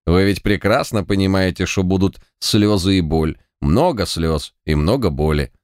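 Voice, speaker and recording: A man voicing a blunt, impatient male player who talks in a gruff, threatening way. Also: deep voice, moderate pace, a little mellow, dry recording, clean studio sound, close to an everyday voice. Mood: menacing.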